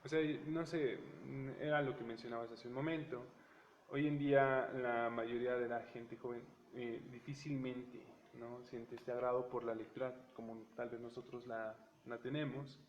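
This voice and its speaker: A man's voice: medium pitch, flat delivery, moderate pace, a little hiss or hum. Man co-host, rambling book chat, dull echoey recording. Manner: rambling, tag questions, searches for words.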